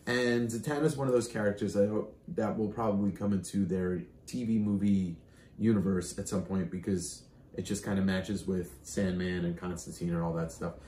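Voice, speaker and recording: A middle-aged man co-hosting a comic collecting show, chatting loudly and eagerly about his finds while seated at a table in a room full of comic shelves. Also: sits low, moderate pace, a little hiss or hum. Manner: loud, animated and enthusiastic. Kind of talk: casual chat showing off comic finds. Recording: roomy echo.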